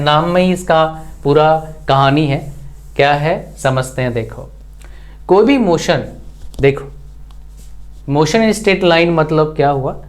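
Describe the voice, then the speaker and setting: A man teaching an exam-prep physics lesson, constantly asking rhetorical questions and answering them himself, mixing terms into his speech. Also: on the high side. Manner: mixes English terms into Hindi. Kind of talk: online exam-prep lecture.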